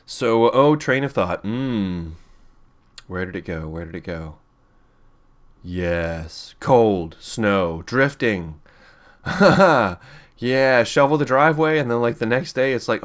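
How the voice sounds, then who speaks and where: A man hosting a let's play who gives casual, rambling commentary as he flies, with frequent restarts and chuckles. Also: on the low side.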